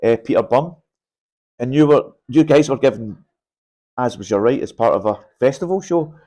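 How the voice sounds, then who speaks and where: A Scottish man hosting a casual podcast chat, speaking haltingly and often repeating words as he goes. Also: mid-range voice, expressive, warm tone. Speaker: podcast host, show promoter.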